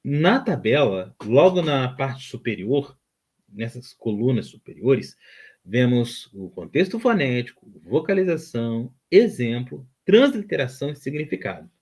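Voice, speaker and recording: A man at a medium pitch, speaking very slowly. He explains step by step like a patient teacher, repeating each term and checking in with his listeners. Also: big pitch swings, a little mellow, husky. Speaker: Hebrew teacher. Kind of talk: online grammar lesson.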